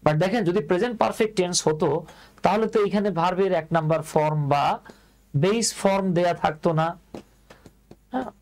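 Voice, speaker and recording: A Bangladeshi English teacher with a somewhat high-pitched male voice leads an online class. He goes over each point twice, tosses questions at his students and calls them dear. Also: moderate pace, long pauses, a little mellow, low-quality recording. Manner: repeats phrases and quizzes students.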